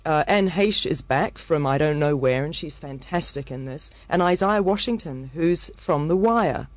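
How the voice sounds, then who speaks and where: A woman's voice: deep voice, expressive, moderate pace, no echo. A woman with a New Zealand accent reviewing films on the radio, enthusiastic and chatty, with lots of fillers and restarts. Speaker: film reviewer. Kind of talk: casual radio chat.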